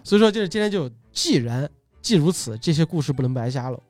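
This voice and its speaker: A man with a slightly high voice hosts a casual conversation over faint background music. He is talkative and informal, often doubling up short phrases as he introduces people and topics. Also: sing-song, quick pace, darkish tone, dry recording. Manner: chatty, repeats short phrases. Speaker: host, video uploader and magician. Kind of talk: casual chat, introducing guests.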